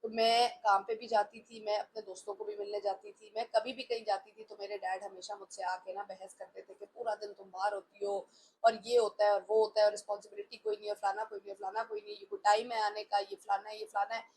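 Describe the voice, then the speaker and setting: A woman's voice: mid-range voice, little pitch movement, fast, darkish tone, slight background noise, poor audio. A woman in her forties talking candidly about her own life, mixing English phrases into her Hindustani speech. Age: 40s. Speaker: talk show host. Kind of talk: personal reflective talk.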